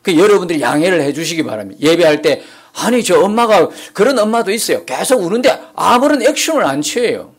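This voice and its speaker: A male pastor delivers a Sunday sermon in a church. His voice sits fairly high for a man and swings widely, climbing to emphatic peaks before dropping to soft asides. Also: big pitch swings, a little fast, hardly any pauses. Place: church sanctuary.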